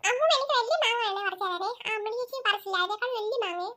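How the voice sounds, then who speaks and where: A woman's voice: very high-pitched, rapid-fire, pushed and bright. A woman voicing a small boy in a family cartoon, who sobs and pleads for a mango. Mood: whining. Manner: sobbing, pleading. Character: whiny crying little boy, wants mango.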